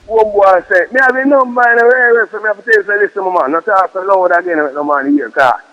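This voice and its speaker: A man with a high voice and a Jamaican accent talks on a three-way phone call. He is emphatic, repeating himself in slangy patois, and the line is dull and muffled. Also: fast.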